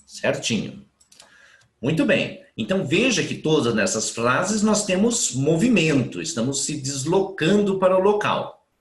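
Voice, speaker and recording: A man gives a live online language lesson and works through each example slowly and patiently. His pitch rises and falls widely as he explains. The room around him is echoey. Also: sing-song. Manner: patient, explains step by step and reads out student questions. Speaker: German teacher.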